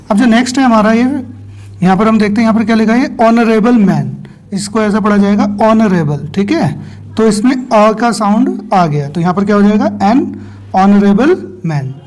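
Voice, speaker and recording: A man teaching a grammar lesson. He asks his students questions, answers them himself, spells out sounds slowly and keeps checking that everyone is following. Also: high voice, darkish tone. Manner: keeps checking understanding with frequent "okay". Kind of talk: explaining English grammar lesson.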